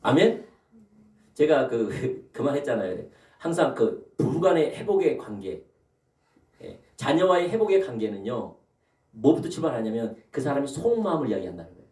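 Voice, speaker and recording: A man's voice: mid-range voice, normal speed. A man preaching a sermon as pastor, throwing rhetorical questions to the congregation and calling for amens. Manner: animated preaching with rhetorical questions and calls of amen. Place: church sanctuary. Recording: echoey church hall from a distant mic.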